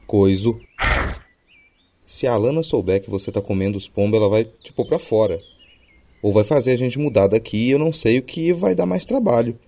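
A Brazilian man hosts a podcast in a casual, wry, lightly comic style, with a scripted comic skit mixed in. His voice is medium in pitch and dark in tone.

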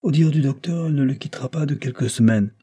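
A man reading the part of a calm, authoritative gentleman lawyer and father in a storybook reading, in a measured, firm manner. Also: mid-range voice, slightly rough, pitched above the performer's own voice, close to an everyday voice.

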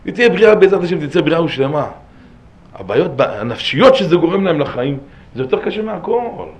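Impassioned rabbi swinging hushed to loud. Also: male voice, fairly high pitch, sing-song. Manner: repeats words for emphasis. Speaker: rabbi giving a Torah lesson. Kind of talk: impassioned religious lesson.

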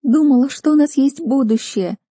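Lady putting on a weepy whiny little sister for a storybook, pitched way up, husky, dark tone. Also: brisk, no room sound, studio quality. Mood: tearful. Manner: sniffling, whiny nasal pleading. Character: tearful heartbroken young woman, the sister. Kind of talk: audiobook reading.

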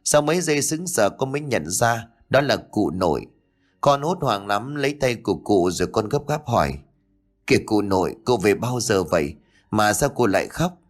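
A man's voice: on the low side, lively intonation, normal speed. A man voicing a timid, easily frightened young son who stammers out his fears in an audiobook ghost story. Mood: anxious. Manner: stammering and fearful.

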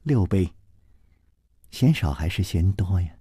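A man voicing a coy, husky young woman. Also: low-pitched, sing-song, measured pace, no echo, clean studio sound, pitched below the performer's own voice, exaggerated voice. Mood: teasing. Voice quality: soft, husky and hushed, often near a whisper. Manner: teasing, coy.

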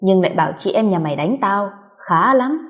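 A woman acts out a violent young husband, loud and contemptuous, spitting every insult with scorn. His voice rings out with a long echo, as in a large hall, at an ordinary pitch for her. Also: expressive, a little fast, highs cut off, close to an everyday voice. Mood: contemptuous rage. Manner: shouting insults, harsh and scornful.

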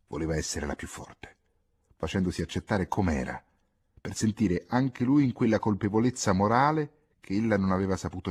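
A man narrating a literary novel as an audiobook, measured and expressive, often dropping to a hush. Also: lowish voice, husky. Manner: measured, expressive reading that drops to near-whispers. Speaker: audiobook reader.

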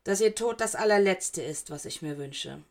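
A woman voicing a proud, cold male teacher who growls, then forces himself to speak calmly. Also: lowish voice, normal speed. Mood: strained calm. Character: cold, proud grown man teacher, cornered and tense.

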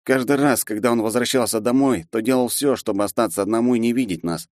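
A man's voice: medium pitch, quick pace, a little mellow, no room sound, clean studio sound, voice pushed up, natural voice. A man reading an audiobook voices an arrogant half-elf student, a big bully who turns to pleading. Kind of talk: audiobook character voice.

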